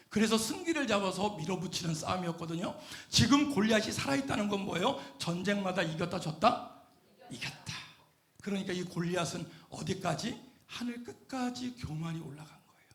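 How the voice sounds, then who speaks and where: Animated pastor preaching in an echoey church. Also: male voice, high voice. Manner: animated, questions the congregation and shouts at peaks. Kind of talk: lively sermon with call-and-response. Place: church sanctuary.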